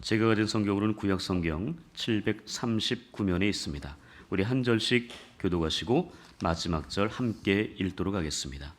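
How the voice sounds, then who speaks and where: Speaking briskly in a lowish voice, this pastor reads scripture calmly before moving into his sermon. Jokes, questions put to the congregation and mounting emphasis carry him toward a forceful exhortation.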